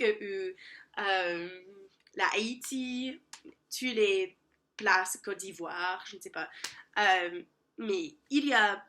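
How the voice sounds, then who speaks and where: A woman's voice: mid-range voice, sharp tone. A young American woman, a native English speaker, vlogging casually in a language she is learning, hesitant, with many fillers and self-corrections. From United States. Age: young adult. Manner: laughs at her own slips.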